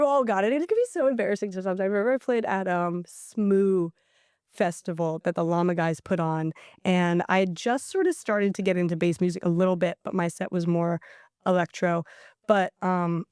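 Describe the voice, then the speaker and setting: Brief: young American woman DJ guest, chatty storyteller, smooth clear tone, dry studio mic. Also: on the low side, normal speed, no room sound. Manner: animated storyteller, lots of "like" fillers. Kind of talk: casual podcast chat. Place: podcast studio.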